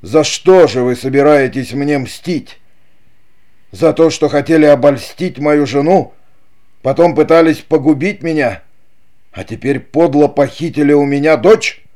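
A man's voice: medium pitch, normal speed, warm tone, natural voice. A man voicing an anguished old nobleman father. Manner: anguished, pleading, outraged. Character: aging, grief-stricken Spanish nobleman father. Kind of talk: audiobook character reading.

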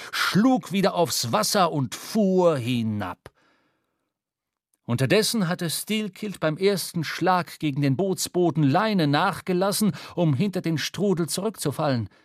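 A man narrating a literary sea story in a measured, storytelling delivery, recorded in a studio. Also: high voice, no echo. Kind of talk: scripted literary reading.

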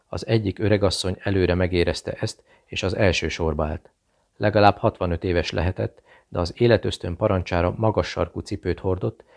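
A man reading a novel aloud as an audiobook narrator, in a steady, measured delivery. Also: low-pitched, vocal fry.

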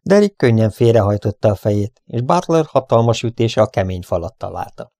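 A man reading an adventure audiobook aloud in a steady storybook narration. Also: lowish voice, gravelly, dry recording, studio quality. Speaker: audiobook reader.

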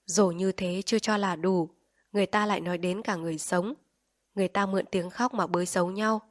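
A woman narrating an audiobook in a calm, measured storytelling voice. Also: fairly low pitch, no echo, studio quality. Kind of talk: audiobook reading.

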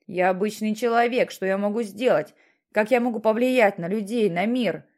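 A woman's voice: mid-range voice, moderate pace, a little mellow, natural voice. A woman voicing an anguished, desperate father who protests and pleads. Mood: troubled. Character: anguished middle-aged father, torn and desperate.

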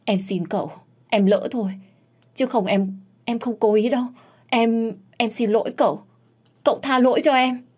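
A woman voicing a crying young maidservant who pleads and apologizes in a husky, raised voice. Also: medium pitch, animated, measured pace, pauses often, voice pushed up. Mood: tearful pleading.

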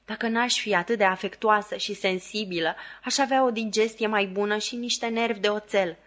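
A woman's voice: a little high, animated, fairly bright tone, pitched above the performer's own voice. A woman reading an audiobook, voicing Camila, a fragile, self-pitying lady who sighs and drags out her complaints. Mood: plaintive. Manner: plaintive, sighing, drawn-out.

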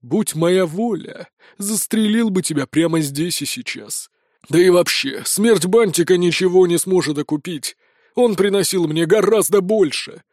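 A man voicing a gruff, burly male sheriff who barks cold, menacing orders in a high, loud voice. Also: a little slow, no echo, clean studio sound.

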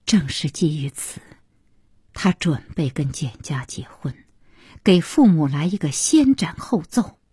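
A woman narrating an audiobook in a slow, soft and intimate way. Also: deep voice, big pitch swings, husky, dry recording, studio quality.

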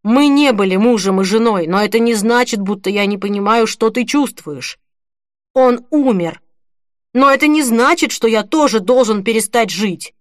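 A woman's voice: a little high, normal speed, dry recording, studio quality, natural voice. A woman reading the part of a grown man who earnestly and firmly consoles a grieving friend in an audiobook. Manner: earnest, persuasive, gently firm.

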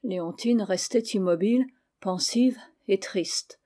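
A woman narrating a classic novel as an audiobook in measured storytelling. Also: medium pitch, mellow.

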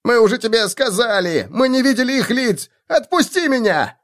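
Shrill, panicky male halfling voiced by a man; high and whining. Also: very animated, moderate pace, fairly bright tone, heavily acted. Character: shrill frantic male halfling thief boss.

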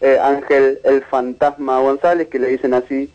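A man, a media researcher giving a measured, analytical interview with frequent restarts. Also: mid-range voice, level tone, highs cut off.

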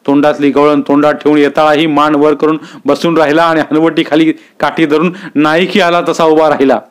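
A man reading a village story aloud in a steady, unhurried storybook manner. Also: fairly high pitch, clean tone.

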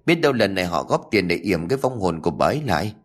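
A man's voice: low-pitched, sing-song, quick pace. A man voicing an anxious young man lying in a hospital in an audio story. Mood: earnest. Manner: stammering, anxious. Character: frightened, nervous young man patient.

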